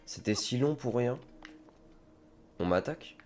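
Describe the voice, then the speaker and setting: A man's voice: medium pitch, animated, unhurried, darkish tone, soft background music. A man with a head cold casually chatting to viewers while streaming a game. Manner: chatty, rambling, talks to viewers. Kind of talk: casual let's-play commentary. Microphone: desk microphone.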